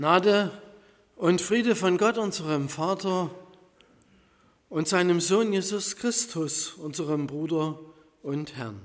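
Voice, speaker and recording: A middle-aged man from Germany, leading the creed and preaching in a measured, solemn manner during a church service. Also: high voice. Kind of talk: church liturgy and sermon. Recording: long church reverb.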